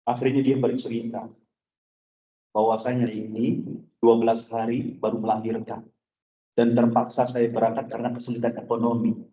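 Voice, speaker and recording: A man's voice: mid-range voice, level tone, normal speed, pauses often, dark tone. A male preacher telling a story to his congregation in a loose, chatty sermon style, talking straight to his listeners. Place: mosque hall. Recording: echoey, dull mosque recording.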